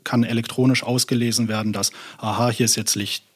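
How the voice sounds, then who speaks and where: A man's voice: medium pitch, little pitch movement, fairly quick, breathy edge. A young man from Germany, a doctoral student and podcast guest, explaining his work hesitantly with many fillers. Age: young adult. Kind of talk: casual interview.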